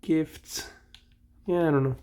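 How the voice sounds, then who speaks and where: A young gaming channel host with a Mexican accent chats casually and nostalgically while playing, rambling and often correcting himself mid-sentence. His mellow voice is on the high side, with fairly even intonation and a slow pace.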